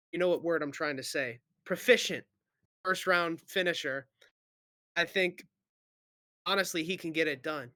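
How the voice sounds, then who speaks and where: A man's voice: on the high side, fairly bright tone, no room sound, studio quality. A man thinking aloud through fight predictions in casual chat, hedging and correcting himself.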